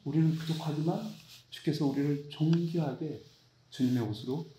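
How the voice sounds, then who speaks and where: A man's voice: normal speed, reverberant, slight background noise. A man preaching a sermon, telling a story with emphatic, rising delivery. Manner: storytelling, emphatic, rising to high excited pitch. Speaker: pastor.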